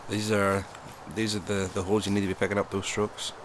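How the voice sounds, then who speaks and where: A man's voice: lowish voice, completely flat delivery, a little fast, noisy background. A man giving conversational golf-style commentary as a co-commentator at a disc golf tournament.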